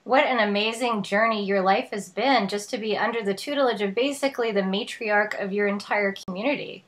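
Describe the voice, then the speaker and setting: A woman's voice: mid-range voice, fairly quick, fairly bright tone. A woman hosting an interview, enthusiastic and full of praise for her guest. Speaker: show host.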